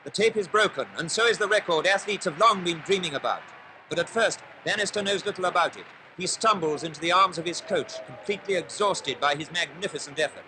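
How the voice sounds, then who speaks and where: A man giving old newsreel commentary on a race, formal and brisk, with play-by-play that builds in excitement. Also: high-pitched, noisy background.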